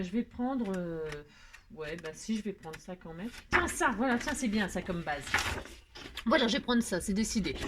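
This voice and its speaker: A woman's voice: mid-range voice, heavy background noise. A woman with a French accent hosting a casual crafting tutorial, chatty and self-mocking, with many fillers and little laughs. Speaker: crafting video host.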